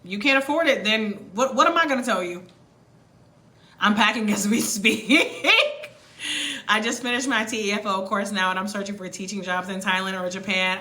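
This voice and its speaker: An American woman giving a motivational livestream talk, loud and sharp, blunt and emphatic, stretching key words for effect. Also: mid-range voice. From United States. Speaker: livestream host coaching on moving abroad.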